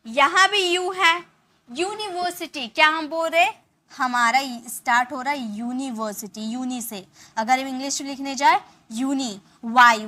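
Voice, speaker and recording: A woman teaching a spoken English lesson, explaining step by step, asking questions and answering them herself, and slowly repeating example words. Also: sits high, sharp tone.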